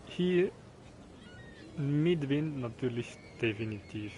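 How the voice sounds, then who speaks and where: A man casually commenting on his own game stream, halting as he thinks aloud. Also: mid-range voice, expressive. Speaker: live streamer playing a golf game. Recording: noisy stream with game ambience behind.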